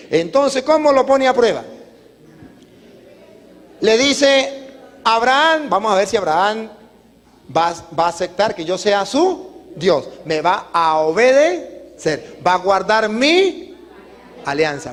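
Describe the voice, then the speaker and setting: A priest preaching at a retreat, telling Bible stories in a lively way and acting out the characters. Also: male voice, high-pitched. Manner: animated storytelling, acting out characters' voices. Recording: long reverb of a large hall.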